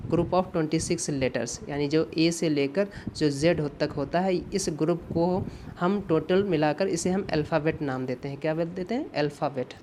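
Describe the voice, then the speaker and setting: With a slightly high, darkish voice, the teacher works patiently through an exam-prep English grammar lesson, repeating himself and asking "ठीक है" and "है ना" to check on students. English examples are read slowly and deliberately, and there's slight background noise.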